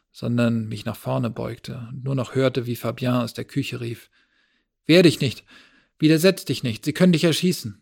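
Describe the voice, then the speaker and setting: A male narrator reads a first-person novel with a measured, low-key delivery. His voice is gravelly, with a husky, breathy grain. His pitch sits in a middle range for a man. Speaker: audiobook narrator.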